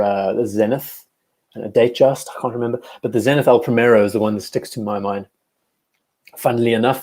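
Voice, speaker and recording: A man's voice: medium pitch, warm tone, slightly rough. A man in his twenties hosting a live stream, chatting casually and reacting to viewers' comments as he goes. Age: 20s. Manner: chatty, reads live chat aloud, self-correcting. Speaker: host. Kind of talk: casual livestream chat.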